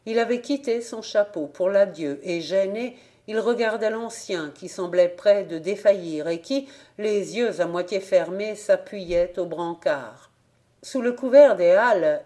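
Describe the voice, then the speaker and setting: A woman with a French accent reading a classic novel aloud in a measured, even storytelling manner. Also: lowish voice. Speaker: audiobook reader. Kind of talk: literary audiobook narration.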